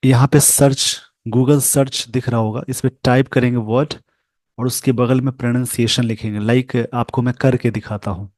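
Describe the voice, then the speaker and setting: A man teaching English pronunciation over a screen share, speaking slowly and carefully and repeating sounds for his learners. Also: medium pitch, fairly even intonation, a little mellow, no room sound.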